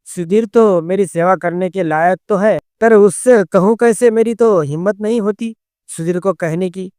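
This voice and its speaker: Guy narrating a hindi story, high smooth voice, dry close sound. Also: no echo. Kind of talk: scripted first-person story narration.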